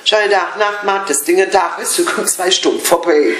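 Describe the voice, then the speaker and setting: A woman telling a lively anecdote from her working life, slowing down on words she wants to stress. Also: lowish voice. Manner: lively, slows down for emphasis. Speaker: storyteller. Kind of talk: casual anecdote. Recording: roomy echo.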